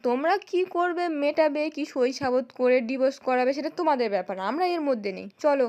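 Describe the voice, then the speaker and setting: A woman's voice: high voice, expressive, fairly quick, a little mellow. A woman voicing an evasive, self-serving village headman as she retells a serial episode. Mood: dismissive. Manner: dismissive, hedging.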